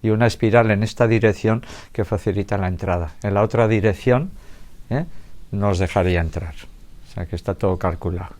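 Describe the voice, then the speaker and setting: A man with a somewhat low voice gives a health lecture to an audience in a lecture room. He speaks in a relaxed, conversational way. He poses rhetorical questions and checks in with his listeners as he goes. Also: a little fast, slight background noise. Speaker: doctor giving a public lecture.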